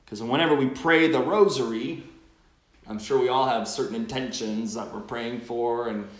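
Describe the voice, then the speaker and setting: A man, a priest, reading the gospel and preaching a homily at Mass in a measured, earnest way, his voice ringing in a cathedral-like echo. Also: medium pitch. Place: large church. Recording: echoey church acoustics.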